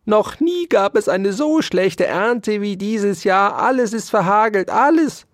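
A fussy, bad-tempered male hamster from a storybook, blustering at everyone around him. His voice sits high and carries loudly, with a lively swing in the pitch. A storyteller acts him out in a dry, close recording. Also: normal speed, no echo. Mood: scolding. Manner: blustering, snapping and scolding.

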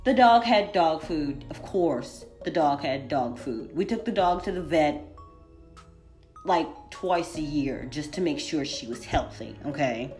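Animated woman telling a story to camera. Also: a little slow, soft background music. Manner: animated, jumps into high squealy voices for quoted people, laughs often. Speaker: vlogger. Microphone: phone.

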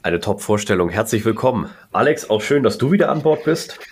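A man's voice: lowish voice, lively intonation, fairly quick, slight background noise. A man hosting a podcast interview, welcoming his guests with effusive enthusiasm. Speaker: podcast host.

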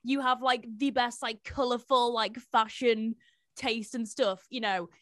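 A woman with a fairly high voice hosts a casual interview. Her sound is dry, with no room echo. She speaks informally, with plenty of slang. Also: steady tone, unhurried, a bit bright. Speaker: interview show host.

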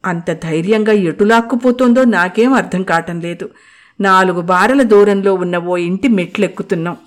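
A woman's voice: mid-range voice, moderate pace. Woman reading a story aloud. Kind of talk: first-person story reading.

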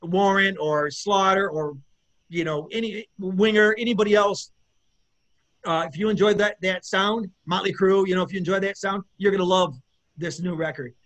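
Here the eighties rock bassist keeps a steady, fairly bright tone at a moderate pace during a relaxed interview. He meanders and searches for the right words with frequent restarts, his excitement about his music coming through.

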